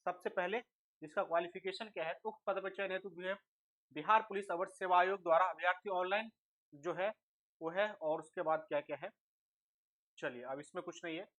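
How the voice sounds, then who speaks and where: This clip is a rough recording of a high-pitched, slightly bright Indian man explaining material to students in coaching-class fashion. He drops in English terms, asks questions only to answer them, and makes sure his listeners understand.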